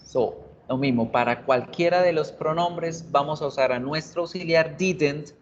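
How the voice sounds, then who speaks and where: A male English teacher giving an online class, explaining grammar in Spanish and slowly repeating English examples. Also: a little high. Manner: calls students "chicos", jokes in class. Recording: muffled video-class audio, faint hiss.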